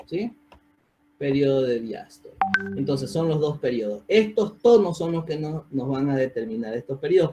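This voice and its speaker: A man teaches physiopathology over a video call. His voice sits a little high, and he keeps asking students questions and checking that they follow. It sounds like a computer mic. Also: dark tone. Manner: asks the class questions, checks with "¿sí?". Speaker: physiopathology lecturer. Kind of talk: online medical lecture.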